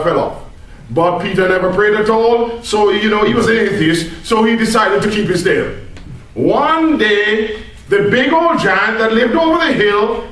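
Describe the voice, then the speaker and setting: With a fairly high pitch and fairly bright tone, a woman tells a comic tall tale live to an audience in a theatrical, mock-earnest manner. She is a storyteller at a speech club, recorded by a distant microphone in a very echoey indoor room.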